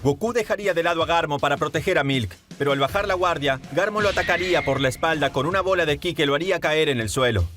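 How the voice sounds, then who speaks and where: A man's voice: a little high, fast, few pauses. Man narrating a dramatic fan story. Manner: steady, dramatic recounting. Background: faint music.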